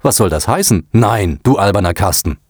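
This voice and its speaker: A man's voice: lowish voice, lively intonation, normal speed, darkish tone, dry recording, studio quality. Man playing a patient, eager computer owner. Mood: exasperated. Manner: coaxing, patient. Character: patient, enthusiastic man who owns the computer.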